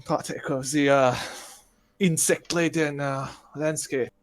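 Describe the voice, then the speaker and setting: Halting, polite man playing a tabletop game. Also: a little high, fairly even intonation. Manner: halting, polite, diplomatic with many uhs. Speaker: player. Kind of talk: in-character tabletop role-play.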